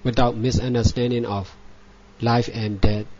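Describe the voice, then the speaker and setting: A Buddhist teacher who is a native Burmese speaker leads a guided meditation, giving spoken dhamma instruction in measured, repetitive short phrases with frequent pauses. His medium-pitched voice is a little mellow and barely moves in pitch. The recording sounds dull and lo-fi.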